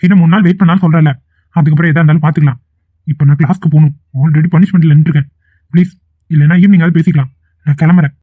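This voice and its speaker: A man's voice: high voice, a little fast, long pauses, dry recording, phone-quality sound. A man voicing an impatient, dismissive young male college student in a cartoon. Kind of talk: cartoon voice acting.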